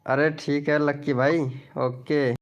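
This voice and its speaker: A man's voice: a little high, level tone, takes it slowly, highs cut off. A man hosting a casual live stream at home, greeting viewers and reading the chat aloud. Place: indoors at home, child beside him.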